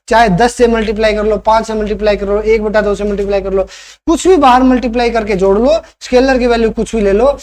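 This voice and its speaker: A man's voice: very high-pitched, darkish tone. A man teaching a math lesson for exam preparation. He explains step by step, repeats key points, asks rhetorical questions and keeps checking that the viewer follows. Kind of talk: online exam-prep math lecture.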